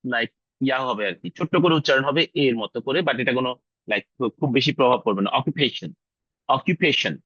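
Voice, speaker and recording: A male English teacher running a class, drilling pronunciation and repeating words slowly while mixing English into his casual talk. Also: medium pitch, animated, fairly bright tone, breathy edge, no room sound, highs cut off. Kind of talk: online class lesson.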